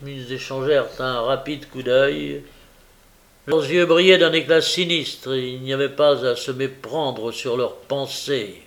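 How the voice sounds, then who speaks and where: A man reading a novel aloud in a steady, measured way. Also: mid-range voice. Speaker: audiobook reader. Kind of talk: audiobook narration.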